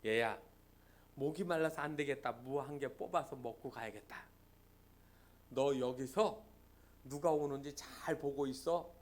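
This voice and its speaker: A pastor voicing a gruff, impatient father who scolds his son in a sermon story. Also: mid-range voice, a little slow, long pauses, pitched below the performer's own voice, close to an everyday voice. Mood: gruff low.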